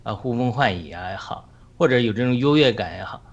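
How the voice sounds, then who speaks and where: A man at mid pitch speaks in a measured, conversational way. He keeps checking that his listeners agree with him as he works through his point. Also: expressive, muffled recording. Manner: measured, seeks agreement with tag questions. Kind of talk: casual spoken sharing.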